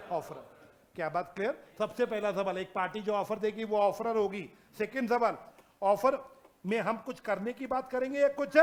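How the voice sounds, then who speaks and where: A male teacher giving a lively classroom lecture, mixing Hindi and English, asking his students constant questions and reading legal definitions out slowly. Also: sits high.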